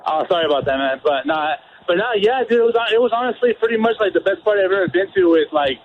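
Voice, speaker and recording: Male caller, high voice, rambling and filler-heavy, dull lo-fi phone line. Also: lively intonation, fast talker, a little hiss or hum. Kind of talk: casual chat. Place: on a phone call.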